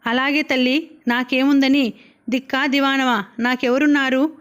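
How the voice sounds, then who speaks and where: A woman's voice: sits high, fairly even intonation, normal speed, a bit bright. A woman reading as a plaintive, pleading mother. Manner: pleading, self-pitying. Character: indulgent middle-aged widowed mother, plaintive.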